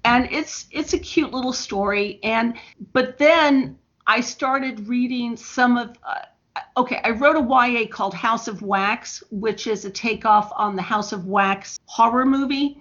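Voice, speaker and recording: A woman's voice: on the high side, a little slow, fairly bright tone. Chatty middle-aged woman, lo-fi sound. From Indiana, USA. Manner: chatty, laughs often. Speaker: guest author. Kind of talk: casual podcast chat. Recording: dull lo-fi audio.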